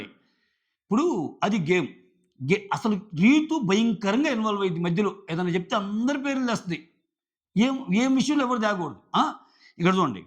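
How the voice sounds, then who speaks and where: A man with a Telugu accent giving a casual episode review, arguing his points with rhetorical questions and paraphrased quotes. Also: high voice. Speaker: reality show reviewer.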